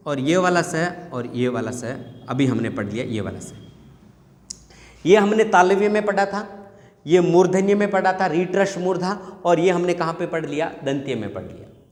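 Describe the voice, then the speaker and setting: A male teacher giving a classroom lesson, asking questions and then answering them himself. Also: fairly high pitch. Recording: echoey room with long reverb.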